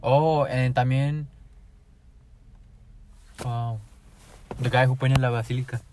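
A man's voice: mid-range voice, steady tone, slow pace, darkish tone, slight background noise. Hesitant man with faint clicks behind. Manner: hesitant, mixes in Spanish words. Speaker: podcast co-host. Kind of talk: casual chat.

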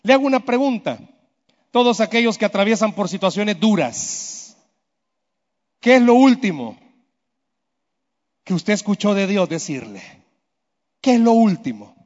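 Male preacher with a high voice, emphatic delivery full of rhetorical questions, heard through a dull, echoing church recording. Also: sing-song, unhurried, pauses often, a little mellow. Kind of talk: sermon. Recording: dull sound with long hall reverb.

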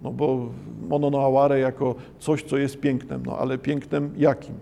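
A man giving a slow, reflective lecture, pausing often and hesitating between phrases. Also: mid-range voice, little pitch movement, gravelly, mellow. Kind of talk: lecture on Japanese poetry.

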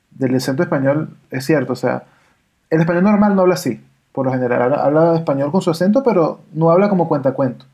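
A woman, chatting on a podcast as co-host, opinionated and animated. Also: deep voice. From Venezuela. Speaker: podcast co-host, audio engineer. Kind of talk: casual podcast chat. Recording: dull lo-fi audio.

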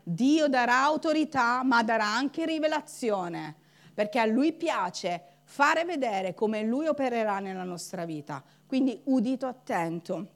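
Here a woman pastor speaks at a fairly high pitch and an unhurried pace while preaching. Lively throughout, she performs the quoted voices of her story's people, laughing as she goes.

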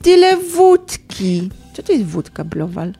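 A woman voicing an excitable, bossy dog who hosts a poetry corner in a comic sketch, squealing and giggly. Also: mid-range voice, slow, creaky, breathy edge, faint music behind, heavily acted. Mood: playful. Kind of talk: comic role-play sketch.

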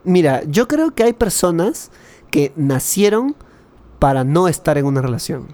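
A young man with a Peruvian accent, telling a personal story in an animated, slangy way, full of fillers, in a casual chat. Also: fairly high pitch, unhurried. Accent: Peruvian Spanish.

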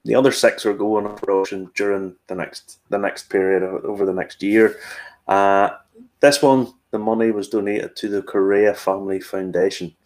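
A man's voice: lowish voice, steady tone, normal speed, darkish tone. A man with a Northern Irish Ulster accent, hosting a tasting in casual chat, explaining things with asides and questions to himself. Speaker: whiskey tasting host.

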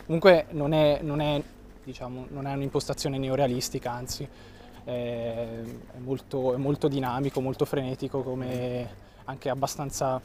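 A man's voice: medium pitch, little pitch movement, normal speed, a little mellow, a little hiss or hum. A man co-hosting a casual film chat, hesitant, with many fillers while searching for words. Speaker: film podcast co-host.

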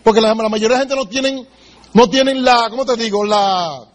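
A man's voice: very high voice, a little fast, slight background noise. A man giving a motivational sales training talk, direct and emphatic, speaking straight to the listener and acting out sales conversations. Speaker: business seminar speaker.

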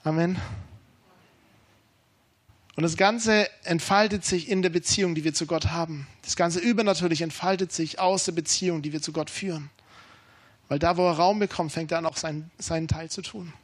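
A man in his thirties preaching a sermon, emphatic and informal, swinging between urgent and hushed delivery. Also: a little high, fairly even intonation, normal speed.

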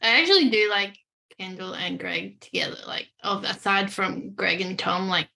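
A woman's voice: mid-range voice, normal speed, gravelly, bright, forceful tone, rough recording. A woman co-hosting a podcast, chatting emphatically about a TV episode. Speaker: podcast co-host. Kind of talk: casual chat recapping a TV episode.

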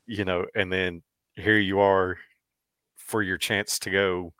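A man's voice: low-pitched, level tone, slow pace, sharp tone, no echo. A man with a Missouri accent co-hosting a sports podcast, chatty and laughing often as he talks. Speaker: podcast co-host. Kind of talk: casual sports chat.

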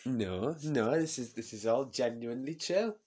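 A man hosting a podcast, who tells a rambling comic story in a deadpan way, full of fillers. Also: mid-range voice, moderate pace, slightly rough.

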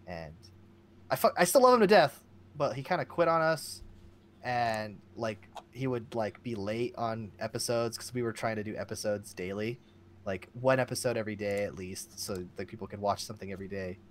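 A man's voice: fairly low pitch, moderate pace, a little hiss or hum. A man, a guest streamer, talking casually on a podcast, swearing often and laughing a lot.

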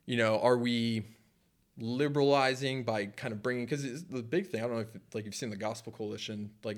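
A young man who preaches, talking casually on a podcast in a rambling way with lots of fillers. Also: medium pitch. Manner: rambling, conversational, with many fillers. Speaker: pastor and podcast co-host.

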